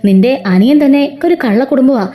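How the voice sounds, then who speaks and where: A sneering, accusing mother-in-law from a retold family serial, as a woman narrator reads her. She rattles off her jibes fast in a mellow, dark tone. The voice sits a little high. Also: lightly acted. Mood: scornful. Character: scornful accusing middle-aged mother-in-law.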